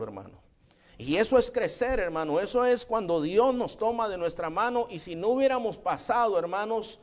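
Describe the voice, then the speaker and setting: A man preaches a sermon in a fairly high voice. He keeps turning to his listeners as brothers, and his asides drop to a quiet mutter. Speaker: pastor.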